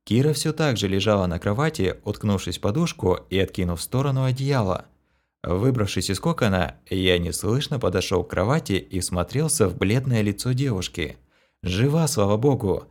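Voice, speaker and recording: A man narrating an audiobook in a steady, even reading voice. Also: on the low side, moderate pace.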